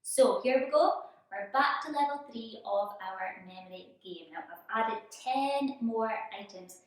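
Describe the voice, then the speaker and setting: Female children's show presenter, encouraging and chatty with young viewers; fairly high voice recorded from a distance in a very reverberant room. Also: lively intonation, unhurried. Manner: encouraging kids-show host delivery with questions to viewers. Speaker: children's church show host. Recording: very echoey room, distant microphone.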